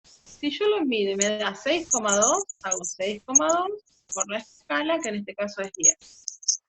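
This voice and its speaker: A woman's voice: on the high side, very animated, measured pace, fairly bright tone, slightly rough. A woman teaching a physics class over a video call, explaining step by step and often checking in with the students. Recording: muffled video-call audio, faint noise.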